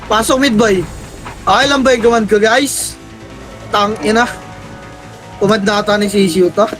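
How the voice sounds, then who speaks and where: A young man with a hoarse, cracking voice shouting quick commands and countdowns to his team during a live game, swearing often. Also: high voice, fairly even intonation, soft background music. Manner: barks rapid commands and countdowns, swears a lot. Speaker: team shot-caller.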